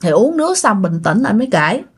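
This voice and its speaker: A woman's voice: mid-range voice, very animated, a little fast, husky. A woman telling a ghost story in a chatty way, speaking directly to her listeners. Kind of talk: casual ghost story narration.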